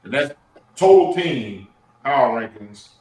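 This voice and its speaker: A man's voice: medium pitch, lively intonation, measured pace, darkish tone. Man reading rankings in a roomy room. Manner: reads out lists, mumbles asides. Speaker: podcast co-host. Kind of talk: casual sports chat. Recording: roomy echo.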